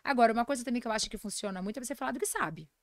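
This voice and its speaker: Fast-talking Brazilian woman in her forties. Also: on the high side, no room sound. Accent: Brazilian Portuguese. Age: 40s. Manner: fast, animated storytelling. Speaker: guest nutritionist and lecturer. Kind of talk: casual podcast interview.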